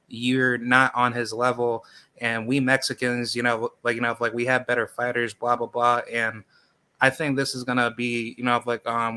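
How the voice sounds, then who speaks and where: Smooth-voiced man asking rambling questions. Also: mid-range voice, bright, forceful tone. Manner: rambling, many fillers like "you know". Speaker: interviewer. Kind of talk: live stream interview.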